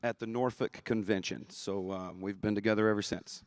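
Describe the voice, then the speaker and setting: A man's voice: on the low side, fairly even intonation, normal speed, smooth, dry recording. A middle-aged man answering conversationally in an interview. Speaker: interview guest, auctioneering teacher.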